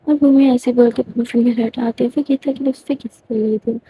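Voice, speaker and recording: A woman narrating a romance story in a calm, steady storytelling manner. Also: fairly high pitch, background noise.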